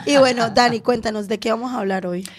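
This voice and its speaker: Young female co-host, bubbly and teasing, slightly high voice. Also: fast. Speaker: podcast co-host. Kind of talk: casual chat.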